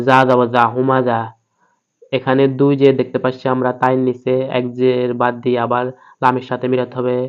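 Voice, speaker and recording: A man teaching a Quran reading lesson, spelling each word letter by letter and then chanting it slowly and drawn out, with a Bangladeshi Bengali accent. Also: medium pitch, smooth. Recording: dull lo-fi recording.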